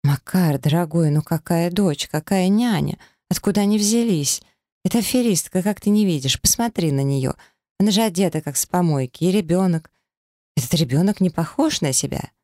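A reader voicing a spoiled, panicky young trophy wife who squeals and whines, in an audiobook. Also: female voice, lowish voice, expressive, normal speed, warm tone, no room sound, clean studio sound, voice pushed up, close to an everyday voice. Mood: shrill panic. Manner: squealing, whiny. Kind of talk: audiobook character voice.

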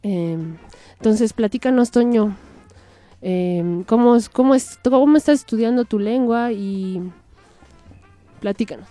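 A woman's voice: fairly high pitch, measured pace, pauses often, no room sound, soft background music. A woman hosting a radio interview, drawing out her guest with questions and short affirmations. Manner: warm, encouraging, reacts with short affirmations. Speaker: radio host.

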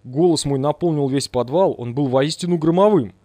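A man reading a first-person audiobook in measured, dramatic storytelling. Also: on the high side, mellow, no room sound. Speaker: audiobook reader.

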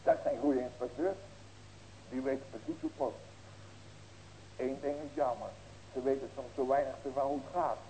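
A man's voice: medium pitch, steady tone, moderate pace, pauses often, mellow, slight background noise, poor audio. A man in his sixties preaching as a pastor, earnest and folksy, with rhetorical questions and emphatic ringing cries. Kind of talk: sermon.

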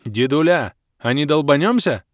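A man voicing an impatient, brash young male adventurer who talks bluntly and shouts a lot. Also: a little high, expressive, normal speed, no room sound, studio quality, voice pushed up, natural voice. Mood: shouting.

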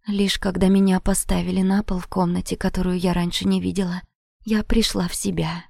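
A woman narrates a first-person romance audiobook with a breathy, intimate delivery that often sinks into a whisper. Her voice is mellow with a gravelly edge. The recording sounds close and dry. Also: fairly low pitch, little pitch movement, fairly quick, dry recording.

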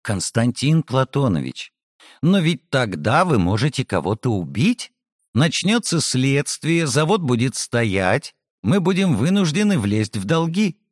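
An anxious, earnest woman who manages a factory, read by a male narrator, pleading her case. Her voice moves slowly with lively rises and falls, in a dry, close recording. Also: medium pitch, no room sound. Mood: worried. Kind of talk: audiobook character voice.

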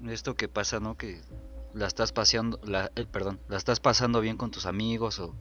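Man, podcast co-host, low voice, laid-back and reflective, muffled lo-fi audio. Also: moderate pace, soft background music. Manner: relaxed, reflective, frequent fillers. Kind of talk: casual chat about song lyrics. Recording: dull lo-fi sound.

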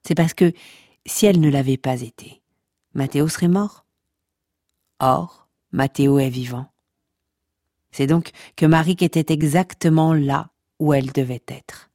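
A mellow, mid-range voice narrates comic audio fiction from a script, taking on the role of an omniscient narrator who is pompous, theatrical, and mock-scholarly. Unhurried and full of long pauses, the lightly acted delivery is both solemn and teasing toward listeners, with dry, clean studio sound.

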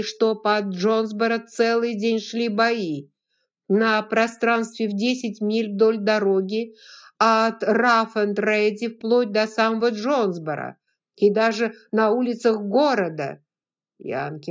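A woman voicing a bold Southern gentleman who speaks firmly and scolds, then soothes in a hushed voice. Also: mid-range voice, pitched above the performer's own voice.

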